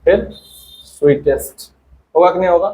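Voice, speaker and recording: A man's voice: high-pitched, moderate pace, dark tone, a little hiss or hum, low-quality recording. A male teacher giving a classroom grammar lesson, asking questions and having his students answer together. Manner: quizzing students, prompting them to answer together.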